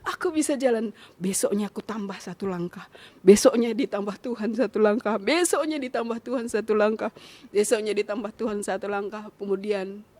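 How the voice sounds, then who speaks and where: A woman's voice: mid-range voice, fairly even intonation, fairly quick, dry recording. A middle-aged woman telling her healing testimony, fervent, quoting her prayers aloud. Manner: fervent, prays aloud, rising to loud cries. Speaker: guest sharing a healing testimony. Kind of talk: emotional personal testimony.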